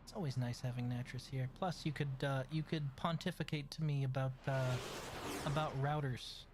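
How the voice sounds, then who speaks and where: A streamer hosting casual gaming chat. The talk is playful and teasing, with loose swearing. Game sounds run clearly behind the voice. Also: medium pitch, fairly even intonation, normal speed, background noise. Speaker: streamer and host. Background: video game sounds.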